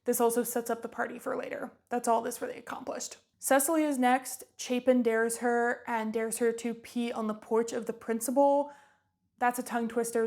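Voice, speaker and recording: A woman's voice: a little high, creaky. A woman vlogger recapping a movie in a chatty, offhand way.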